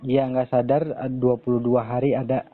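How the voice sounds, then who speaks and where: A man, a bank customer talking casually on speakerphone in a halting, hesitant way. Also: mid-range voice, flat delivery. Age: 40s. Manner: hesitant, halting with many pauses. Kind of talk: casual phone conversation. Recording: tinny phone line.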